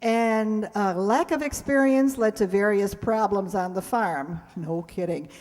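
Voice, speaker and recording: A woman of medium pitch, a little slow and a little mellow, hosts a live show in a hall before an audience. She chats informally with ad-libbed asides, and the live recording has hall reverb.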